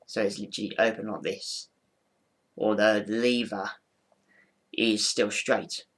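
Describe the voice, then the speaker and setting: A man's voice: lowish voice, little pitch movement, measured pace, a bit bright. A man giving an informal hands-on explanation in a rambling, matter-of-fact way, often repeating himself. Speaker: ventriloquist presenting his figure.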